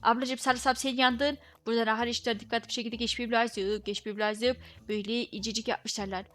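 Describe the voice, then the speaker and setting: A woman's voice: on the high side, flat delivery, fairly quick, a bit bright. A woman giving casual, joking gameplay commentary, grumbling playfully as she talks to her viewers. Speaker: gaming video creator.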